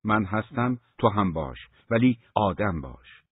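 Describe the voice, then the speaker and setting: A man's voice: lowish voice, sing-song, slightly rough, no room sound. A man voicing a hot-tempered, blunt younger brother who talks in curt, commanding lines. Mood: angry. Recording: thin phone-like dry recording.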